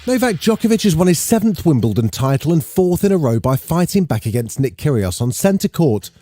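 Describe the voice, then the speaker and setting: A man hosting a daily news podcast, reading scripted news items in a lively, chatty way. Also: fairly high pitch, fairly quick.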